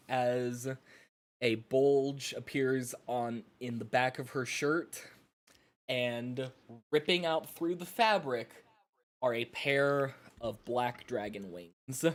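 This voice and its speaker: A man playing a tabletop role-playing game, improvising narration of the character in a halting, deliberate way with dramatic pauses. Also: medium pitch. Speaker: player narrating their character.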